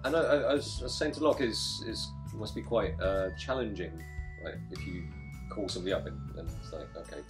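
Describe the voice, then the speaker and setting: A man's voice: on the low side, a little fast, over music. A man from England, a guest on a live stream, chatting casually and dropping dry jokes. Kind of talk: casual chat.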